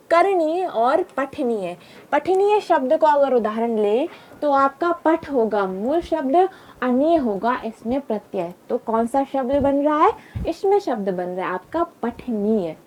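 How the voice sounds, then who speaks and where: A young woman teaching a grammar lesson, repeating examples and quizzing the viewer with reminders. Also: sits high. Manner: repetitive, drilling with reminders and quiz questions.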